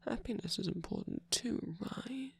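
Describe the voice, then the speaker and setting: Sly male cookie jester played by a performer, ASMR roleplay, husky breathy whisper, gravelly fry, lively swooping pitch, teasing and dismissive. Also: moderate pace. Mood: sarcastic. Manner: dismissive, teasing, evasive, with sighs and laughs. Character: sarcastic mischievous male cookie jester, scheming.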